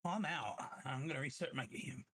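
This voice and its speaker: A man's voice: medium pitch, brisk, fairly bright tone. A man hosting a live game stream, chatting casually with loose, profane banter. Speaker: streamer host. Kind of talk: casual gaming chat.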